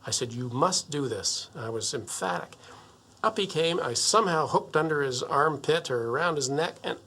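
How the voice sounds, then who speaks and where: Slightly high man telling a vivid story. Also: expressive, normal speed, pushed and bright. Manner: vivid storyteller, acts out quoted lines. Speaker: interviewee, survivor. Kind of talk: recalled interview testimony.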